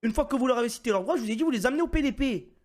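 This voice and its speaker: A man playing a police officer in a game roleplay, explaining with halting restarts. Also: extremely high pitch, lively intonation.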